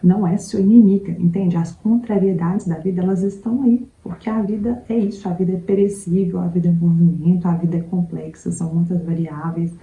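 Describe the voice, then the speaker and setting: A woman with a low, very dark and mellow voice gives a conversational motivational talk. She keeps checking in with the listener as she speaks, and the sound carries the ring of an echoey room. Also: steady tone, a little fast, few pauses. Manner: conversational, repeats "entende?" to the listener. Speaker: self-help video host.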